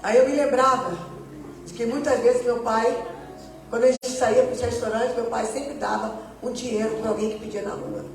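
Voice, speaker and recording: A woman's voice: on the high side, steady tone, moderate pace, soft background music. A woman missionary giving a testimony sermon, telling her story and acting out the dialogue. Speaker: missionary preacher. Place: church hall. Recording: echoey church hall, distant mic.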